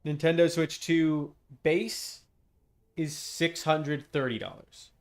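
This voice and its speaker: This game streamer has a fairly high voice, speaks slowly, and keeps his intonation mostly even. He talks casually and bluntly over game music, now and then swearing in exasperation.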